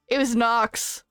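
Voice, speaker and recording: Bright-pitched woman reacting with laughs. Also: no room sound, studio quality. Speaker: game player. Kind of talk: casual chat.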